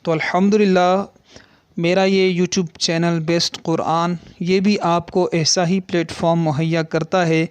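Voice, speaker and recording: A man's voice: fairly high pitch, flat delivery, smooth, dry recording. A man teaching the rules of Quran recitation in an earnest, instructive way, sounding out letters to show the difference between them. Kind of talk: religious lesson on Quran recitation.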